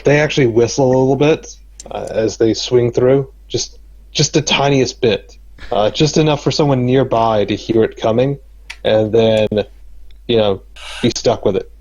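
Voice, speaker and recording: A man running a tabletop game as game master, describing the action in a relaxed way with many fillers. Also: mid-range voice, moderate pace, dry recording, dull audio.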